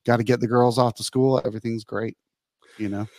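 A man's voice: medium pitch, little pitch movement, fairly quick, a little mellow, no room sound, studio quality. A middle-aged man co-hosting a podcast in casual chat, rambling and laughing through his stories. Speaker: podcast co-host.

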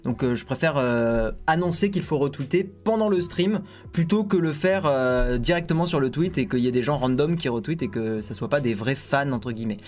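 A man's voice: mid-range voice, fairly quick, hardly any pauses, darkish tone. A man hosting a casual tech live stream, chatty and joking, with many fillers and asides.

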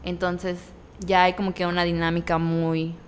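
A woman's voice: on the low side, normal speed, a little hiss or hum. A young woman chatting casually about her mother, quoting her own reactions. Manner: relaxed storyteller, quotes her own reactions. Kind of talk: casual chat. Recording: long reverb.

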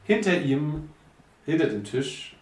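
A man narrating as game master, telling the scene slowly and haltingly. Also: fairly high pitch, big pitch swings. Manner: slow, halting narration with pauses. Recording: roomy, distant mic with faint noise.

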